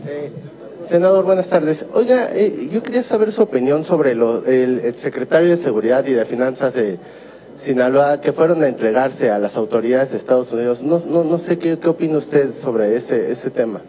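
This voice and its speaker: A man's voice: mid-range voice, normal speed, dark tone, poor audio. A man, a magazine reporter asking a question hesitantly.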